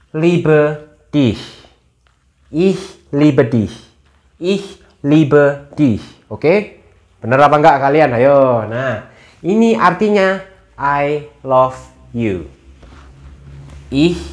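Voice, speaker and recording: A young man giving a casual online German lesson, chatty, often addressing viewers as guys and spelling words out slowly. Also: mid-range voice, echoey room. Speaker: German language teacher.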